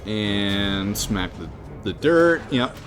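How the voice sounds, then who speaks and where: Laid-back man with lively pitch. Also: very slow, faint music behind. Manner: laid-back, jokey, laughs often. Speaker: game streamer. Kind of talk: casual let's-play commentary.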